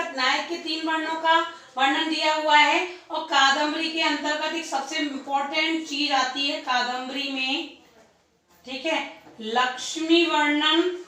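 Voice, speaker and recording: Echoey woman teacher, high and bright. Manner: repeats points, asks and answers own questions. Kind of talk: exam-prep lecture. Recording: echoey room, distant mic.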